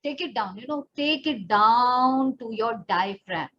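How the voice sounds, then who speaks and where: A pageant and personal development trainer speaks with an Indian accent in a high, animated voice that's pushed and bright, moving a little slowly. She coaches a voice lesson step by step, demonstrating and explaining straight to the learner. Recorded in dull lo-fi quality with faint noise in the background.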